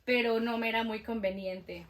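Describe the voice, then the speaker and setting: Lively Mexican woman with a high voice. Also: normal speed. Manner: lively, acts out quoted dialogue. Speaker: guest sharing testimony. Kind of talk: casual storytelling interview.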